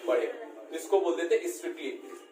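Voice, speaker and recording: A man's voice: a little high, expressive, rapid-fire, vocal fry, a little mellow. A man teaching a math class, constantly quizzing his students and checking they follow. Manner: keeps quizzing students, checks understanding with short questions. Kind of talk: classroom lesson. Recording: echoey room, mic far off, faint background noise.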